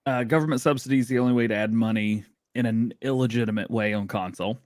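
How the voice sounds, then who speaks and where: A man's voice: medium pitch, fast, a little mellow, no room sound, clean studio sound. A man hosting a livestream, chatting casually and laughing often, with playful sound effects. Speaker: livestream show host.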